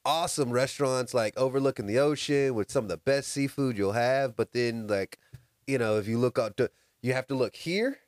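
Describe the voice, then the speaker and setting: A man's voice: medium pitch, normal speed, no room sound. Laughing man telling stories, dry sound. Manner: laughs often, storytelling, lively quoting. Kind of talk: casual chat.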